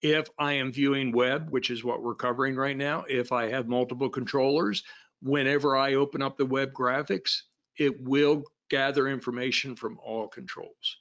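A man's voice: medium pitch, steady tone, moderate pace, a bit bright, lo-fi sound. A man giving a technical training walkthrough over slides, in a plain explanatory way with frequent fillers and restarts. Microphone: voice-over on screen recording.

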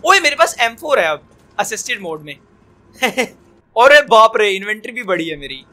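A young man giving casual, jokey let's-play commentary, excitable and talking back at the game. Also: high voice, normal speed. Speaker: gaming commentator.

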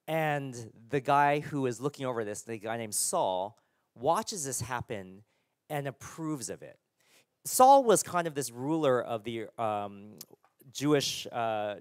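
A man, the church's pastor, preaching a sermon in a casual, halting way with many fillers and restarts. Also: mid-range voice, no echo, clean studio sound.

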